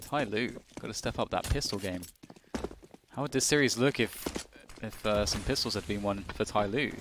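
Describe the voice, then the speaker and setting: A man giving live play-by-play commentary on a match, chatty and quick to laugh, with rambling asides. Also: lowish voice. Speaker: esports commentator. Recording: light background noise with game gunfire.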